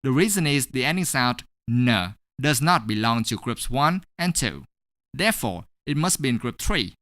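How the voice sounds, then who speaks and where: Male teacher, online pronunciation lesson: deliberate drilling delivery, close mic with dead-dry sound. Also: medium pitch, very animated, a bit bright, no echo. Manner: slow, deliberate, repeats words for drilling. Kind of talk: scripted online lesson narration.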